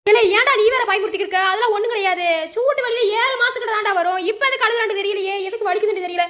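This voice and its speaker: A fretting mother-in-law, played by a woman, scolds and fusses at a rapid clip. Her voice is very high and bright, in an amateur family skit. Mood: fussing, scolding. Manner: scolding, fussing chatter.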